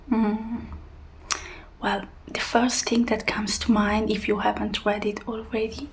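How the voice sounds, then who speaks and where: A woman in a whispered role-play as a helpful librarian, speaking in a hushed, breathy whisper. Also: fairly high pitch, slight background noise. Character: helpful soft-spoken female librarian suggesting books.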